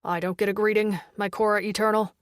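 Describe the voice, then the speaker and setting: A woman voicing a massive male alien warrior who speaks in a low, calm, commanding rumble. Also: fast, no room sound, clean studio sound, close to an everyday voice. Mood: tender.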